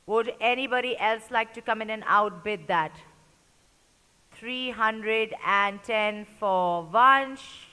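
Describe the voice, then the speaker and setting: A woman's voice: medium pitch, takes it slowly, sharp tone, clear, resonant tone. A woman working as an auctioneer at a live event, calling out and repeating bids in short, clipped phrases. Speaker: auctioneer at a sports player auction. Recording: echoey large hall with long reverb.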